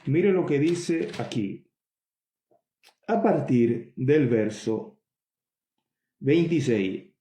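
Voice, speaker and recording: A man preaching a Bible teaching sermon, reading scripture slowly and then explaining it with emphatic asides to his listeners. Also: medium pitch, animated, mellow, roomy sound.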